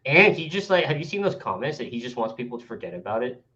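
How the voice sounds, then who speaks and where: A man's voice: medium pitch, big pitch swings, quick pace, pushed and bright. Rambling man on a muffled mic. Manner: chatty, rambling, mimics people. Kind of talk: casual gaming chat.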